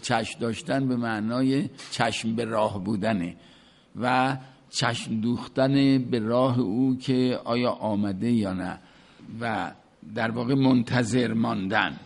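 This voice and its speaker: A man giving an explanatory lecture on a poem, reciting verses slowly and then explaining each word in casual speech. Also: mid-range voice, fairly even intonation. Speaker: teacher of classical poetry.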